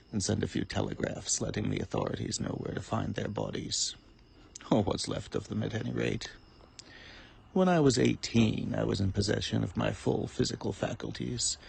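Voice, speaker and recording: A man plays a cold, calculating supervillain in a dramatic monologue, heavily acted in a lowish, gravelly, husky voice. His delivery is formal, deliberate, and self-importantly eloquent, with a menacing calm and a coolly philosophical mood.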